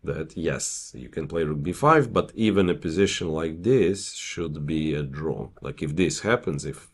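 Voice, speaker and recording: Low-voiced man commentating on chess. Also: expressive, breathy edge. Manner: halting, thinking aloud. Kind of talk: live chess commentary, conversational.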